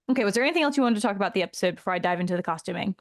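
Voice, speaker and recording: A woman's voice: mid-range voice, no echo. Giggly woman podcast co-host, dry sound. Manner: giggly, laughs often while talking. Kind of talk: casual chat.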